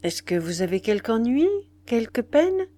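A woman reading the lines of a grave, wise old grandmother in an audiobook, measured and serious. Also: fairly high pitch, very animated, mellow. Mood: grave, concerned.

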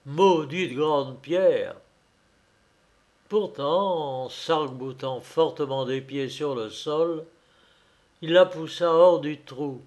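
A man reads a folk tale aloud as narrator, with an expressive storytelling manner. His pace is slow and deliberate. His pitch sits a little high for a man.

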